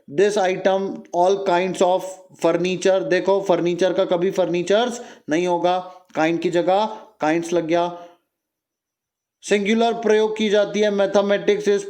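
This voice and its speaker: A young man teaching an exam-prep grammar lesson, repeating phrases and firing quick questions at his students. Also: high voice, darkish tone.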